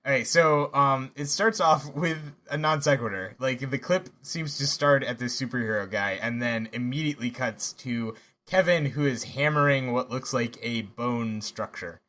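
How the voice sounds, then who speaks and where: A man's voice: medium pitch, sharp tone. Male podcast co-host, casual chat, stumbling and laughing as he talks. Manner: halting, with many restarts and laughs.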